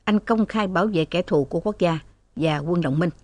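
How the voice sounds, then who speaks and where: A woman's voice: lowish voice, moderate pace, warm tone, dry recording, lightly acted. A woman reading as a sneering, bullying police officer. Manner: mocking, bullying. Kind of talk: audiobook reading of a novel.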